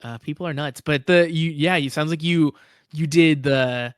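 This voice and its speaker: Man, podcast co-host, slightly high voice, amused reactions, dry close sound. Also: clean tone, dry recording. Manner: amused, quick to laugh, reacting to a story. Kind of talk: casual podcast chat.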